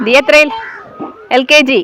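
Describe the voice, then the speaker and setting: A woman's voice: high voice, fairly even intonation, unhurried, sharp tone, a little hiss or hum. A young woman and mother chatting casually in a family vlog, coaxing and teasing small children.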